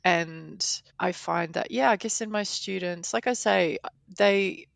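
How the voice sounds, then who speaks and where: Speaking a little slowly in a low, gravelly voice with no echo, a Polish-raised podcast editor and language teacher in her forties works through her ideas thoughtfully. In this casual interview she leans on examples to make her points.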